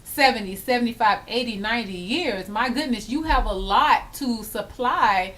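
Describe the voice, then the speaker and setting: Woman in her thirties, casual vlog chat, emphatic, fairly high-pitched. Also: normal speed, a bit bright. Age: 30s. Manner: chatty, emphatic, acts out little scenes. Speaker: hair vlogger. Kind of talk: casual chatty vlog tag.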